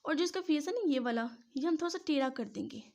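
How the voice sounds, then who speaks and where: A woman patiently teaching how to join Arabic letters, step by step, pausing often to check in. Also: sits high, expressive, darkish tone. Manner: patient, says "theek hai" between each step. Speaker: Quran teacher. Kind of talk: step-by-step writing lesson.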